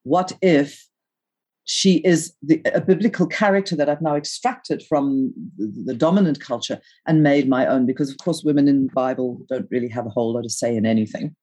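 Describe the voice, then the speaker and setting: A woman's voice: extremely low pitch, brisk. A woman author talking about her novel in an interview and reading from it expressively. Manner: expressive, restarts often when explaining.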